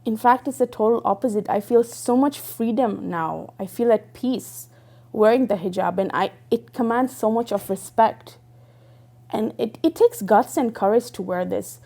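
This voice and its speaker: Fairly high-pitched, gravelly and warm, her voice moves at a moderate pace. As an interviewee giving personal testimony, this young woman who grew up in Dubai reflects earnestly on her life, with frequent fillers and restarts.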